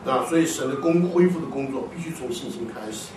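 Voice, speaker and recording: A man preaching a sermon to a congregation, animated, often asking his listeners questions and answering them himself. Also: mid-range voice, fast, background noise. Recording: echoey hall, distant mic.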